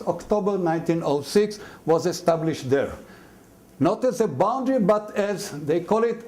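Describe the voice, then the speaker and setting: A man in his seventies or older, born in Mandate Palestine, giving a university lecture in an explanatory, halting way with many fillers and restarts. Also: sits high, darkish tone. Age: 70s or older.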